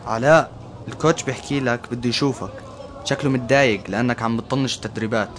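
A man plays a young male teammate who keeps trying to calm things down. He talks briskly, and some faint outdoor noise can be heard behind him. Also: medium pitch, natural voice. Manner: calming, persuasive.

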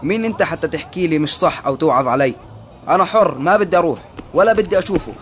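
Here is a man acting as an irritable young man, who throws out short, defensive retorts. He talks at a rushing speed in a fairly high voice. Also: expressive, noisy background, close to an everyday voice. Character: young man, irritable and angry all the time.

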